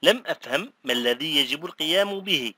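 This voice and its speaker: A man reading short phrases for a language lesson, saying each one twice, slowly and clearly. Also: a little high, expressive, sharp tone, no echo. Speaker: language teacher.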